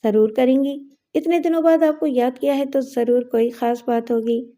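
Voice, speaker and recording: Woman voicing a brisk clever younger sister. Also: high voice, steady tone, mellow, close to an everyday voice. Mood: matter-of-fact.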